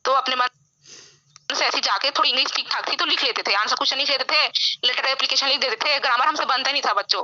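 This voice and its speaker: A young woman English teacher giving a classroom grammar lesson, explaining slowly and often checking with "है ना?". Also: high-pitched, bright, forceful tone. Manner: explains slowly, keeps asking "है ना?". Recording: dull lo-fi sound.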